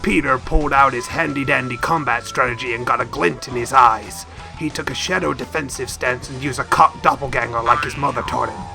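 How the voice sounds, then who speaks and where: A man tells an absurd story in a dry, deadpan narrator's voice. His tone is bright and edgy with a gravelly fry at the ends of phrases, and light music plays underneath. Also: mid-range voice, brisk. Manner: deadpan, mock-epic. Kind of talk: comic scripted narration.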